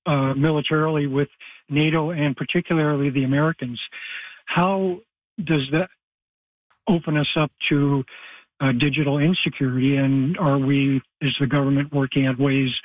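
A man's voice: fairly high pitch, dry recording. A man calling in to a radio show over a clipped phone line, asking his question hesitantly with fillers. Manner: hesitant, searching for words with fillers. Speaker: caller. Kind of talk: call-in question. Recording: narrow tinny phone line.

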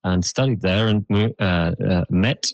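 Deep-voiced young man from Switzerland. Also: unhurried, dry recording, highs cut off. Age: young adult. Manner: relaxed, hesitant, with fillers. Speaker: band member. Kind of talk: casual interview answers.

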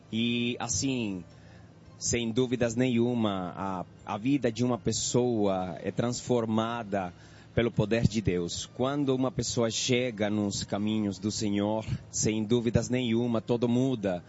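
A Venezuelan man with a Spanish accent giving an earnest, measured church testimony in a radio interview. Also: lowish voice, darkish tone, slight background noise. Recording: dull lo-fi radio broadcast.

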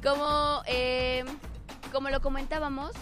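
A woman's voice: high voice, level tone, a little slow, music in the background. A woman with a Mexican accent co-hosting a morning radio show, joking and stubbornly standing her ground. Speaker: radio co-host. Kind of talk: casual morning radio banter.

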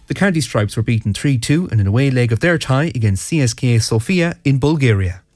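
A man's voice: mid-range voice, lively intonation, fairly quick, darkish tone. An Irish man reading a scripted radio bulletin as a news, weather and sport presenter. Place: radio studio. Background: music.

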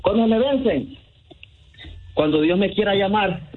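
High-voiced man answering back. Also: animated, unhurried, narrow, tinny audio, soft background music. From Venezuela. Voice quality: confused and defiant, answering back with jokes. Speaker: prank call target. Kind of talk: phone conversation.

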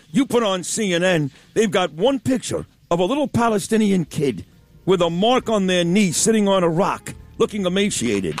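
A brash man with a thick-of-the-street Brooklyn accent speaks in a high, animated voice on talk radio. He is plain-spoken and unapologetic, with faint music behind him. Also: dry recording. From Brooklyn, New York. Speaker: radio talk show host appearing as guest.

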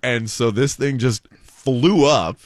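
A man with a medium-pitched voice speaks slowly in clean studio sound with no echo. As a talk show co-host, he retells offbeat news stories in a chatty, casual, joking way.

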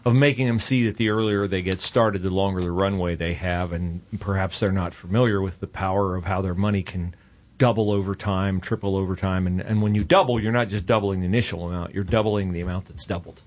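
A male radio host with a fairly low voice. He explains ideas in a relaxed, conversational way and circles back to repeat his points. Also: fairly quick. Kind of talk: radio talk and live ad reads.

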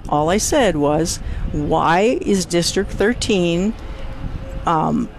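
A woman's voice: on the low side, expressive, drawn-out words, creaky, slight background noise. A middle-aged woman legislator speaking as a talk show guest, defensive and insistent, often repeating herself. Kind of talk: radio talk show discussion.

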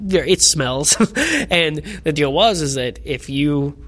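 A man's voice: fairly high pitch, lively intonation, takes it slowly, fairly bright tone, a little hiss or hum. An enthusiastic man in his twenties chatting casually in an interview, sharing personal anecdotes. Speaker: amusement park manager.

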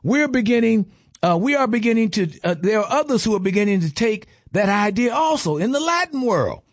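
A man's voice: sits high, sing-song, brisk, no echo, studio quality. A man giving an impassioned lecture, stressing lists and asking rhetorical questions.

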